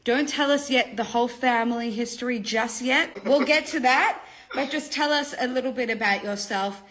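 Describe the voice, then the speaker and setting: A woman's voice: fairly high pitch, normal speed, fairly bright tone. A woman from Australia hosting a podcast, chatty and enthusiastic as she introduces and questions her guest. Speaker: podcast host.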